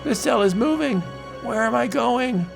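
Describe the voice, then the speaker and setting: A man's voice: very high voice, animated, a little slow, gravelly, loud music behind the voice, pitched above the performer's own voice, heavily acted. A man voicing a panicking, arrogant doctor's spirit in a melodramatic vintage horror comic book narration. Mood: frantic panic. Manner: melodramatic, frantic pleading.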